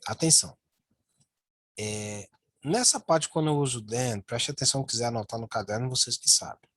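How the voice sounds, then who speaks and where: A man's voice: mid-range voice, animated, normal speed, fairly bright tone, no echo. A man teaching English grammar in a lesson, walking students through slides and tagging phrases with "né" and "ó". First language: Portuguese. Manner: repeats "ó" and "né" while pointing at slides. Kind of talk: online lesson explaining slides.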